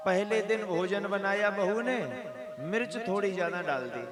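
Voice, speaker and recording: A man's voice: sits high, normal speed, over loud music. A man preaching a devotional story sermon, folksy, acting out family members' voices. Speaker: Ram Katha preacher.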